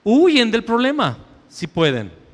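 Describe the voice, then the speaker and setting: A male pastor preaching a sermon, swinging between loud raised lines and hushed low asides. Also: huge pitch swings, slow pace, in a large hall. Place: church sanctuary.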